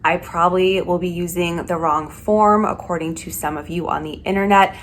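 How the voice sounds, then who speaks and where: A flight attendant chats candidly as she works out in a hotel room for a casual vlog, sometimes getting out of breath. Her voice is lowish, with fairly even intonation and a moderate pace.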